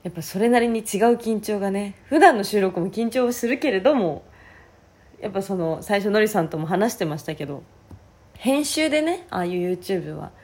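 A woman with a hoarse, raspy voice talking casually on her own as a podcast host. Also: medium pitch, animated, normal speed, darkish tone. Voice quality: husky, raspy. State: hoarse voice, worn out from the day before. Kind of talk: casual solo chat.

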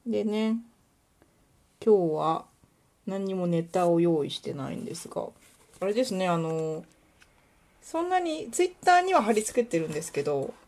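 A woman's voice: lowish voice, big pitch swings, normal speed, long pauses, a little mellow. A young woman from Kuwana with a light Kuwana dialect, chatting casually and rambling with many fillers on her solo talk show. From Kuwana, Mie, Japan. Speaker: podcast host.

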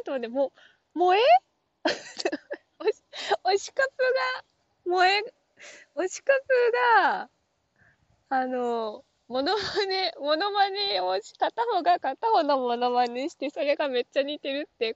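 A woman with a high voice muses alone in a loose, rambling monologue, trailing off into fillers and asking herself questions out loud. The sound is dry and close, a little dull, like a phone recording. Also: big pitch swings, measured pace, no echo. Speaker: app talk show host. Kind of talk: casual solo monologue.

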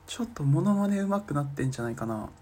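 Young man, twenties, solo comic podcast, deadpan, self-mocking, murmured inner-thought asides. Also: a little high, rapid-fire, a little hiss or hum. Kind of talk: comic monologue.

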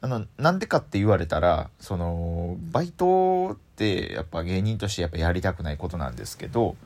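Lively Kansai comedian chatting solo. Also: male voice, fairly quick. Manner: chatty, self-mocking, rising pitch when excited. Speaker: comedian and show host. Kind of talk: solo comedic radio talk.

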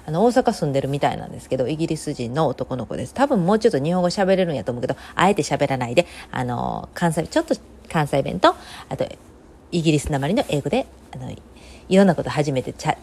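Woman, Kansai accent, low voice, very lively intonation, chatty rambling monologue, opinionated. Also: fast, slight background noise. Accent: Kansai Japanese. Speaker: host of a talk segment. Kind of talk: casual solo monologue.

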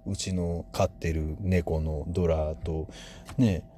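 A man's voice: low-pitched, fairly even intonation, takes it slowly, warm tone, a little hiss or hum. A man with a Kansai accent who hosts a casual solo talk podcast and muses aloud in a rambling, playful way. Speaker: podcast host.

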